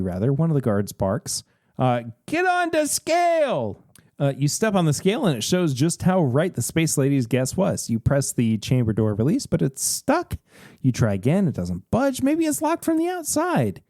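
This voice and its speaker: A man hosting a podcast, reading a gamebook aloud in a casual, animated way with occasional hesitations and jokes. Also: medium pitch, moderate pace, no room sound, clean studio sound. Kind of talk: casual read-aloud with banter.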